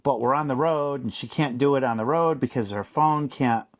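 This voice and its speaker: A man hosts a road-trip vlog, chatting in an easygoing way as he sums up the day and the plans. His voice sits at a middle pitch for a man. He talks casually and often picks up his partner's stories. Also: moderate pace. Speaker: RV travel vlog host. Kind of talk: casual travel chat.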